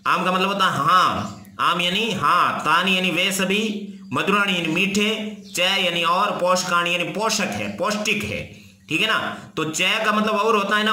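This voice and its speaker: A man's voice: sits high, bright, forceful tone. A man teaching a lesson to schoolchildren, going through the words one by one and asking questions that he answers himself. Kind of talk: classroom lesson explaining grammar. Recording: echoey room.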